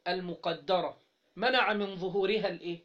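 This interactive grammar lesson is led by a fairly high-pitched man with an Egyptian Arabic accent and a steady tone. He prompts students to complete his sentences and draws out example words slowly, captured in dull, lo-fi audio.

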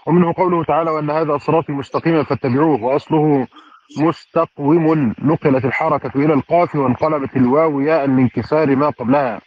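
A man's voice: fairly high pitch, lo-fi sound. A man reading a classical commentary aloud in a study circle, with fluent, formal delivery and careful vowel endings.

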